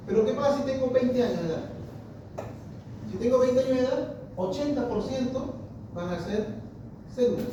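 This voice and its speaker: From far across a very echoey room, a high-voiced man with a Peruvian Spanish accent lectures his histology class. He repeats himself, restarts phrases, and puts questions to the students while steady room noise runs underneath.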